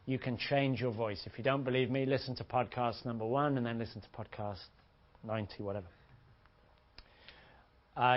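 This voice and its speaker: A man giving a blunt, crude, joking seminar talk as a dating coach to a room of listeners. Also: mid-range voice. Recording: dull lo-fi audio.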